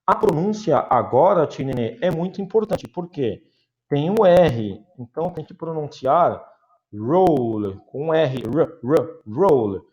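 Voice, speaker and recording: A man's voice: a little high, animated, unhurried, a little mellow, lo-fi sound. A man with a Brazilian Portuguese accent teaching an English class over a video call, explaining patiently with examples.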